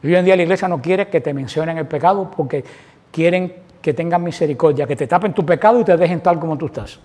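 High-voiced man preaching a sermon. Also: fast talker, darkish tone. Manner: asks rhetorical questions and acts out everyday prayers. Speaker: preacher leading a Bible study.

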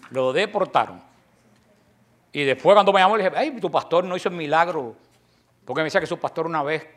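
Here a Cuban man preaches passionately to the faithful in a religious talk, speaking with a Cuban Spanish accent. He comes across as fiery, forceful and preachy, punctuating his emphasis with sudden low-voiced moments and joking asides.

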